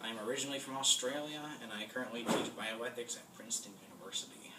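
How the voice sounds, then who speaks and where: A young man playing a calm male moral philosopher in a class-project mock debate, reading his lines a bit stiffly with some hesitations. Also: medium pitch, fast talker, natural voice. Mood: plain. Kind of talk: amateur class-project role-play. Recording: echoey room, mic far off, noisy.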